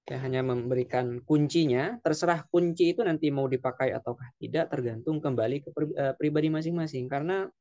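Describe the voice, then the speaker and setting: Man explaining slowly, dry dull sound. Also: fairly high pitch, a little mellow, no room sound. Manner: slow, repetitive explaining with frequent "ya". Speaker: Arabic teacher. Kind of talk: classroom lesson.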